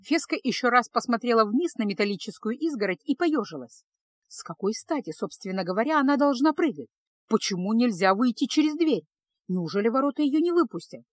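A woman narrating a fantasy audiobook in an even storytelling delivery. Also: fairly high pitch, no echo, clean studio sound.

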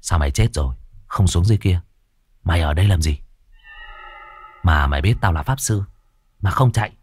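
A man voicing a brash young exorcist who mutters curtly in a low voice. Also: expressive, fast talker, a little mellow, soft background music. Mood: curt muttering. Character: cocky young male exorcist.

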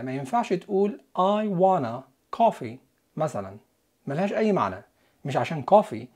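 A man's voice: a little high, mellow, husky. Egyptian man teaching English listening. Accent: Egyptian Arabic. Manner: explanatory, slows down for English example sentences. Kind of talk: scripted lesson narration.

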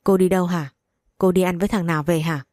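Drunk bully husband read by a woman, low dry voice. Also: steady tone, quick pace, darkish tone, no echo, lightly acted. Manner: slurring bullying tone.

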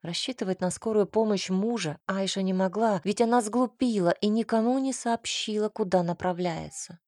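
A woman reading a novel aloud in measured scripted narration. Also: mid-range voice, darkish tone, dry recording, studio quality. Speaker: audiobook narrator.

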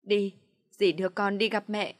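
A woman's voice: mid-range voice, flat delivery, normal speed, lightly acted. A woman voicing a grieving aunt who pleads tearfully with her niece in a spoken story. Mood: pleading.

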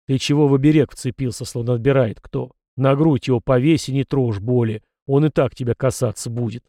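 A man voicing a gruff, scolding ancestor spirit in an audiobook. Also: medium pitch, steady tone, a little fast, mellow, dry recording, studio quality, close to an everyday voice. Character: grumpy ancient male ancestor spirit.

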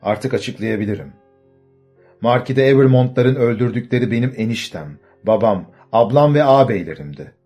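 A man's voice: medium pitch, a little mellow, close to an everyday voice. A man voicing a vengeful, relentless woman revolutionary in a Turkish audiobook, declaiming firmly.

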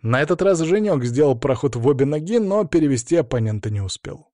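A man narrating an audiobook in the first person, in steady, measured storytelling. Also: a little high, dry recording, studio quality.

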